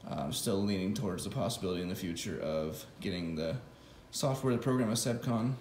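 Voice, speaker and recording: With a low, slightly mellow voice, a man talks a little fast through his electric motorcycle's wiring in a casual home-garage walkthrough, thinking aloud with fillers and restarts. The close phone-camera recording sounds reverberant, with a little hiss or hum.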